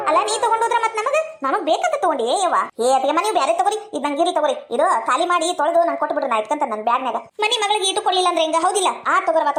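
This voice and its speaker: A woman with a North Karnataka accent performing a village comedy skit, talking in rapid, chiding village banter. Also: very high-pitched. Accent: North Karnataka Kannada.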